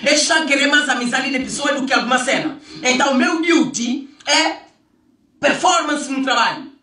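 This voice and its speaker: A man's voice: very high-pitched, fairly quick, pushed and bright. A man in an emphatic, mocking monologue, firing off repeated rhetorical questions. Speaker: vlogger. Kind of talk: ranting monologue. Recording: echoey room, far from the mic.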